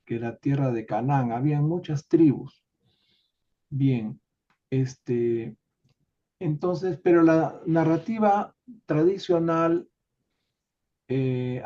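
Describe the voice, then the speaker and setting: A man leading an online study group, explaining a text in an unhurried way with many tag questions, over a video call. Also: fairly high pitch, warm tone. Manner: unhurried, adds filler tags and restarts. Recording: dull lo-fi call audio.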